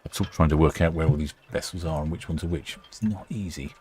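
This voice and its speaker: A man's voice: very deep voice, quick pace, a little mellow, slight background noise. A man hosting a casual live ship-spotting stream, chatting and musing as he watches. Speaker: livestream host.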